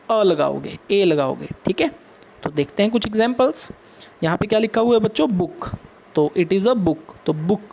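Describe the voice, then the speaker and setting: Indian teacher explaining English to children. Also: male voice, sits high, darkish tone. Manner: explains step by step, asks questions and answers them. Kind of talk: classroom lesson for children.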